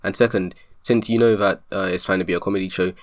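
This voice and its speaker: A man with a lowish voice argues back point by point, exasperated and insistent, in the manner of an online commentary. His voice sounds close and dry, with no room around it. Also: fairly even intonation, quick pace, no room sound. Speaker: video commentator rebutting a review. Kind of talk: argumentative commentary.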